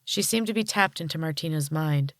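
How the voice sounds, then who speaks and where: A woman podcast host narrating a storybook chapter in a calm, measured way. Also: low voice, no room sound, clean studio sound.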